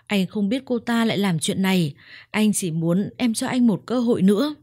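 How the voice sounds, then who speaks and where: A woman's voice: mid-range voice, moderate pace, darkish tone, breathy edge, no echo, studio quality, natural voice. A woman voicing a guilty young husband who pleads with his wife. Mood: pleading.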